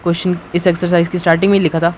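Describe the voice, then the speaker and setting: A man's voice: high voice, level tone, racing. A young man teaching a math lesson in a casual, chatty way, often checking in with his students. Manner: casual, chatty teaching with frequent "theek hai". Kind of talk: screen-recorded math lesson. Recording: faint background noise.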